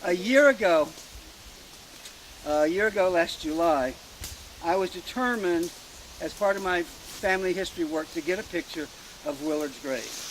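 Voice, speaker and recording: Halting middle-aged man, slightly high voice. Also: a little hiss or hum, poor audio. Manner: hesitant, halting delivery with many fillers and restarts. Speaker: family historian speaking at a family reunion. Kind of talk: informal storytelling speech to a gathered group. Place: outdoors at a rural graveside.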